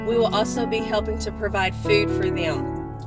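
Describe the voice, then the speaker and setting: A woman's voice: medium pitch, fairly even intonation, normal speed. A middle-aged woman talking casually and earnestly in a reflective vlog journal, recorded in a car with road noise. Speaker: classroom teacher, vlogger. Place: inside a car, driving on a commute. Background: road noise, music.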